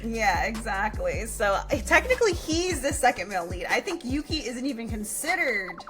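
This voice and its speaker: A woman co-hosting a podcast in casual chat, animated and laughing often, acting out characters' lines as she retells stories. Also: on the high side, moderate pace, music in the background. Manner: animated, acts out characters' lines while recounting. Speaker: podcast co-host.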